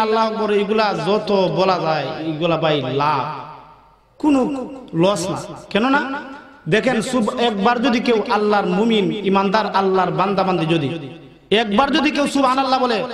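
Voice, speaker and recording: High-voiced Sylheti preacher in an echoing hall. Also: male voice. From Habiganj, Bangladesh. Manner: impassioned, sing-song delivery, urging the crowd to respond. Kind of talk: Islamic sermon (waz). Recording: echoey hall with crowd. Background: large crowd.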